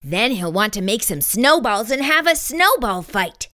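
A middle-aged woman reading aloud to young children in an expressive storytime voice, as a children's host. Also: fairly high pitch, unhurried, no echo, clean studio sound.

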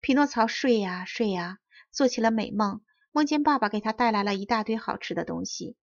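A woman narrates a children's fairy tale with clear, precise enunciation. Her voice sits a little high. The recording is dry and slightly muffled. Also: lively intonation, fairly quick, no echo. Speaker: storybook reader. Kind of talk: expressive children's story narration.

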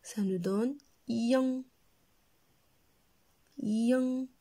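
Woman teacher, Moroccan French accent, very slow and deliberate, mellow tone; reads words aloud twice for young pupils. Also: a little high. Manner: slow, deliberate, repeats each word for pupils. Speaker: primary school teacher. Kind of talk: slow reading lesson for young children.

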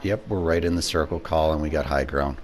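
A young man commenting on a game with a friend, swearing often and calling out tactics with excitement. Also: extremely low pitch, brisk. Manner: profane, excitable tactical callouts. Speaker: gamer streaming with a friend. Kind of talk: casual gaming commentary.

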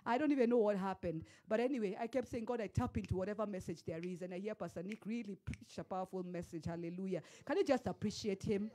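A Kenyan pastor, a woman in her forties, delivers a sermon in a church hall through a handheld mic, shifting from loud proclamations to quiet storytelling. She speaks at a medium pitch, fast, with hardly any pauses.

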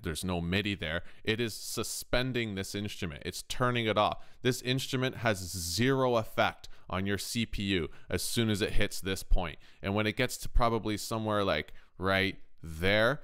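Speaking smoothly with a fairly low pitch and a fairly bright tone, a man narrates over a screen recording indoors. It's a relaxed music production tutorial where he reasons aloud while explaining and keeps checking in with the listener.

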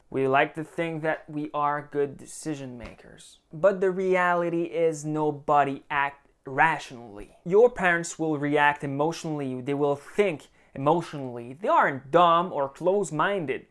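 A man's voice: on the high side, a bit bright. A young man delivering a blunt, profane motivational advice monologue as a vlogger.

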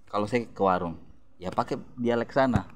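Brief: middle-aged man, low voice, lively storyteller in a relaxed chat. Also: normal speed, slight background noise. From Makassar, South Sulawesi. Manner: storytelling, animated retelling of anecdotes. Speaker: guest. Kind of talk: casual chat.

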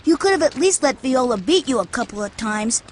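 Video game role: earnest, good-natured small boy, played by a woman, high animated voice over faint ambience. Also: fairly quick, noisy background. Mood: complaining.

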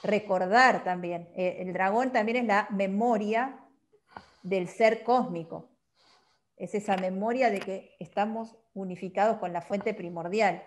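A woman's voice: mid-range voice, measured pace. A woman, explaining patiently as a guest and often closing a point with a questioning tag. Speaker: guest teacher. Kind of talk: explanatory talk on a calendar system.

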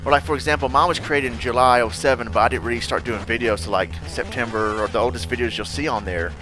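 A man hosting a casual interview, an animated storyteller who laughs often and acts out quotes. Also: medium pitch, quick pace, over music. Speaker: podcast host.

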